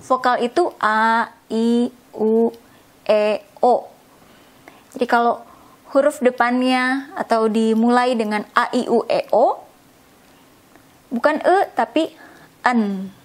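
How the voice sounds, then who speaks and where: A woman's voice: a little high, slow, long pauses. A woman teaching a language lesson, patiently explaining and repeating words, often checking in with a questioning "ya?". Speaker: English teacher.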